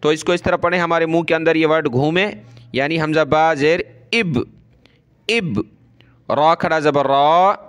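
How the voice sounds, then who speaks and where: A man teaching Quran recitation, spelling out each word letter by letter and vowel by vowel before chanting it slowly. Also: on the high side, smooth.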